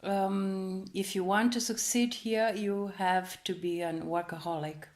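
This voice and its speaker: A woman gives a personal account in slow, careful English. She pauses often and searches for the right words. Her voice sits in a middle pitch. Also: steady tone, a little mellow. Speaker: interviewee. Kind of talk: personal testimony to camera.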